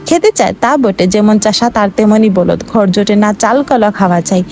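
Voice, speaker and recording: A woman's voice: medium pitch, normal speed, a little mellow, a little hiss or hum, natural voice. A woman voicing a haughty older Brahmin priest who mocks and scolds a poor farmer. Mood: scornful. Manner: sneering and mocking.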